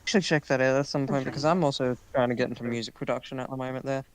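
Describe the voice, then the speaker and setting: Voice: medium pitch, steady tone, rapid-fire, no echo, rough recording. A guest with an Australian accent, chatting with friends over voice chat. They talk casually, giggle often, and apologise a lot. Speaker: guest on the stream.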